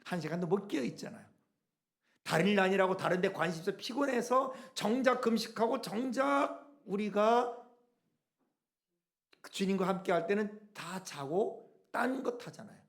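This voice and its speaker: A middle-aged man delivers a sermon from the pulpit. His voice sits high and moves with lively swings in pitch. He poses question after question to the congregation and slips briefly into quoted voices. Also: normal speed. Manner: animated preaching with rhetorical questions; acts out quoted speech. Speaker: pastor.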